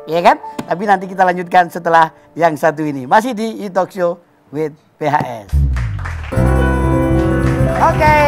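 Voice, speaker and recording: Upbeat male talk show host over music. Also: sits high. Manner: upbeat, announcing. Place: TV studio.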